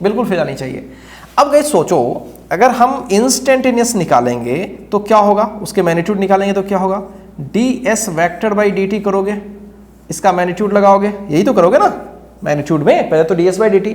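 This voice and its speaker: A male teacher giving a lecture who keeps quizzing his students with rhetorical questions and repeats key phrases as he explains. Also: sits high. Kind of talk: classroom lecture. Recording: echoey room.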